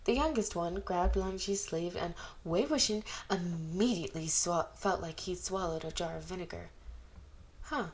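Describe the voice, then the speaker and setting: Reading fan fiction as an amateur audiobook narrator, this woman performs a scripted story with character voices, acting out the dialogue expressively. She speaks at a moderate pace with a fairly low pitch, and the audio quality is poor.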